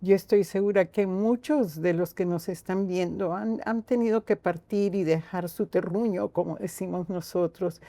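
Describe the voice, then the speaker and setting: An older woman from Costa Rica with a Costa Rican accent, a guest telling her own story slowly and earnestly, with many pauses. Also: fairly low pitch, warm tone, dry recording. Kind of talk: reflective personal storytelling.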